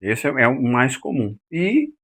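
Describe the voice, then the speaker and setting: A man's voice: medium pitch, big pitch swings, measured pace, fairly bright tone, slightly rough. A man teaching a lecture on communication, often checking in with his listeners and acting out other people's lines. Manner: acts out quoted speakers in raised voices; uses frequent tag questions. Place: classroom.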